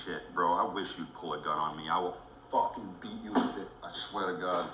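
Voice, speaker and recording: A man's voice: low voice, brisk, roomy sound, over music, rough recording. A man ranting angrily on a livestream, swearing heavily, angry and emotional. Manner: heavy swearing, furious and emotional. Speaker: livestream host.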